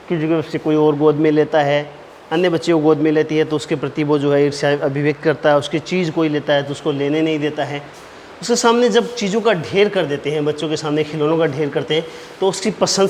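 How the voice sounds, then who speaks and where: A man teaching an exam-prep lecture, explaining point by point and slowly dictating key phrases, repeating them. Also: on the high side. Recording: reverberant room with faint noise.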